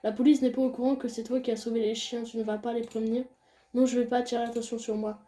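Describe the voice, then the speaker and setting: A young woman reading a visual novel aloud and chatting casually about the game as she plays. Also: fast. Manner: reads game dialogue in a soft low voice, chats loudly and excitedly between scenes. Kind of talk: casual let's-play commentary.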